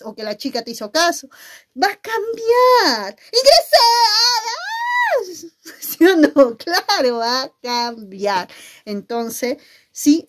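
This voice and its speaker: Expressive woman teacher giving a lesson. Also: on the high side. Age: middle-aged. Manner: expressive, often checks in with listeners. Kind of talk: video lesson on nonverbal communication.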